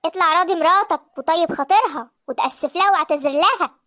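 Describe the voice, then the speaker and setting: A woman with an Egyptian accent voicing a caring but firm older mother-in-law in an animated story, motherly and scolding. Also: extremely high pitch, quick pace. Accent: Egyptian Arabic.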